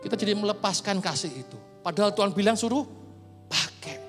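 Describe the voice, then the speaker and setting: A man preaching, his fairly high voice rising and falling with lively expression. He swings between loud points and hushed, almost whispered asides. The sermon echoes through a church hall with faint instrumental music behind him. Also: a little fast. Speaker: pastor.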